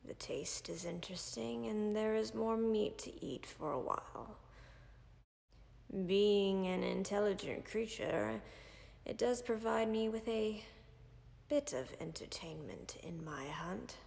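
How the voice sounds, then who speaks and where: A woman voice actor in an audio roleplay for a listener plays a calm, caring female dragon, her voice deeply gravelly and full of fry. Tender and measured, she speaks very slowly and softly, often near a whisper, and her words fade into a long, lingering reverb.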